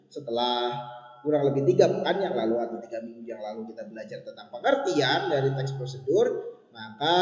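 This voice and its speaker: A man's voice: medium pitch, darkish tone. A young man teaching a recorded school lesson to his pupils, patient and instructive, repeating points and checking that they follow. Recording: echoey, reverberant room, dull lo-fi sound.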